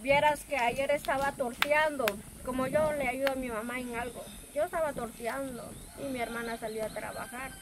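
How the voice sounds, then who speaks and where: A woman's voice: high-pitched, fairly even intonation, moderate pace, hardly any pauses, a loud crowd, rough recording. A woman with a Guatemalan accent being interviewed, telling her story earnestly and at length, often quoting what others said to her. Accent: Guatemalan Spanish. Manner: earnest, rambling storytelling with quoted dialogue. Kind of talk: casual interview. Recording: outdoor recording with loud ambient noise.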